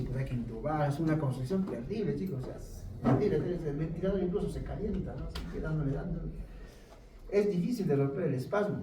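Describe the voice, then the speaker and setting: A man's voice: a little high, dark tone, distant mic, slight background noise. Man lecturing from across an echoey classroom. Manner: quizzing students with quick questions and answers. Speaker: pharmacology lecturer. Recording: echoey room, voice from off-mic.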